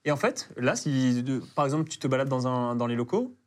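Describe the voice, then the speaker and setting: A man appearing as a guest cybersecurity expert. He gives relaxed, casual explanations with lots of hesitation fillers. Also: mid-range voice, fairly quick. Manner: laid-back explainer, many fillers.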